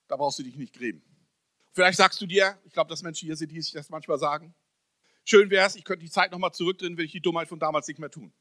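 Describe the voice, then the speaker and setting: A man preaching a sermon to a congregation, asking rhetorical questions and swinging between loud emphasis and soft, close-up speech. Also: on the high side, no echo. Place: church service hall.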